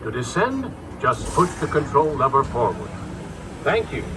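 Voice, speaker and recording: A man giving a recorded ride safety announcement, played over an outdoor loudspeaker in a measured, polite instructional tone. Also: mid-range voice, big pitch swings, noisy background. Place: outdoor theme park ride. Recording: distant loudspeaker with music behind.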